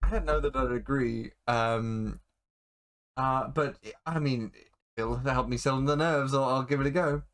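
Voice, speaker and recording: A man's voice: medium pitch, measured pace, close to an everyday voice. A man voicing a nervous, polite gothic woman pirate performer, speaking hesitantly.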